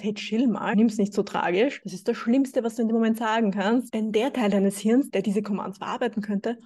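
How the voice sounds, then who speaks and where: A woman's voice: medium pitch, warm tone. A woman coach speaking straight to her listener in a casual motivational monologue, slipping English phrases into her German. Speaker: self-development coach.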